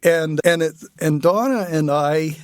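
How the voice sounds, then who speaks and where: A man's voice: fairly high pitch, a little slow, no echo. An older man hosting a podcast interview, talking in an easygoing, good-humored way and often restarting his phrases. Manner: warm-humored, laughs easily, restarts phrases. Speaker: podcast host and writer. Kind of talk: relaxed conversational interview.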